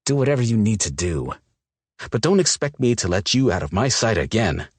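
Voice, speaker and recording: A man voicing a gruff, protective werewolf man in an audiobook, talking low, tight and intense. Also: very animated, brisk, no echo. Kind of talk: audiobook character voice.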